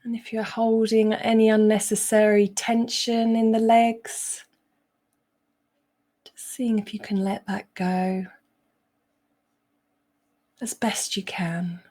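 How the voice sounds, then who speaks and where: A woman meditation coach guides a meditation in a relaxed, mellow, mid-range voice. She speaks slowly and gently, pausing often between short instructional phrases.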